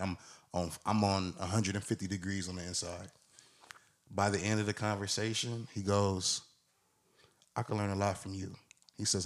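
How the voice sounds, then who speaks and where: With a fairly low pitch, a man in his twenties co-hosts a podcast and recounts a long anecdote. He keeps it casual and animated, giving voice to the figures in the story.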